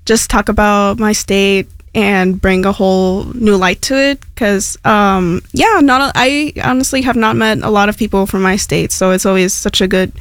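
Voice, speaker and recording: A woman's voice: medium pitch, moderate pace, few pauses, no room sound, studio quality. A young woman from Mexico whose first language is Spanish, chatting casually as a radio guest with lots of "like" and "um". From Hidalgo, Mexico. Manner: chatty, rambling, many fillers like "like" and "um". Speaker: radio station intern, guest. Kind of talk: casual interview talk.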